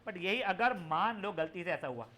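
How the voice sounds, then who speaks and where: A young man with a high, animated voice and a sharp tone teaches physics in a live online class at a normal speed. He explains things in a chatty blend of Hindi and English and speaks to his students affectionately.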